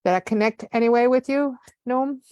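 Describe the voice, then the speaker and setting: A woman channeling spiritual messages live on a video call, speaking in a soft, reverent way with breathy sighs. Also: fairly high pitch, brisk, no room sound, highs cut off. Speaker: guest channeler.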